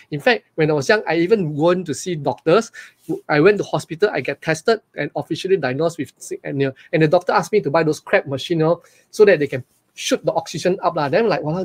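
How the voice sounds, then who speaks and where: A man in his forties with a Malaysian English accent, speaking into a webcam from a small room during a live webinar. His voice sits high and he talks quickly. He is energetic and repeats himself, often putting questions to his viewers. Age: 40s. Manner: energetic, repetitive, asks the audience questions. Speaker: online business coach. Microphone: webcam on a video call.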